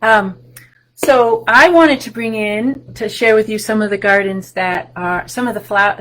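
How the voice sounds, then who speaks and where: Over a webcam video call from a home room lined with bookshelves, a children's librarian in her sixties reads a picture book and shows plants to young kids. She's warm, slow and sing-song, with big excited rises, and her voice is a little high. The audio is poor.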